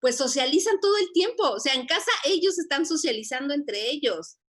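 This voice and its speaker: A woman's voice: sits high, expressive, a little fast, a bit bright. Earnest woman co-host. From Mexico. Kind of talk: conversational interview.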